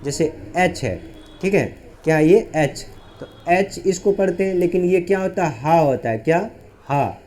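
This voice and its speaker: Male tutor, warm tone, quizzes the class and answers himself, spells words out slowly. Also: high-pitched. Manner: asks questions and answers them himself. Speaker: English teacher. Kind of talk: whiteboard phonics lesson.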